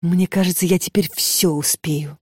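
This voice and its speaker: A woman's voice: medium pitch, very animated, slow, a little mellow, slightly rough, no echo, studio quality, pitched above the performer's own voice, full character voice. A reader voicing a frightened young female student who cries out in a desperate, strangled voice. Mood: dreamy.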